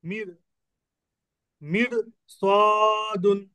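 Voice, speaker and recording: A man's voice: high voice, steady tone, extremely slow, sharp tone, clear, resonant tone, poor audio. A man reciting practice words for his teacher, carefully and hesitantly, sometimes restarting a word. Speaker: student.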